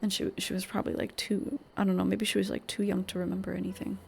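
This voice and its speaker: A woman's voice: mid-range voice, flat delivery, fast, creaky, darkish tone. A woman giving casual, off-the-cuff commentary as she plays a video game. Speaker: game streamer.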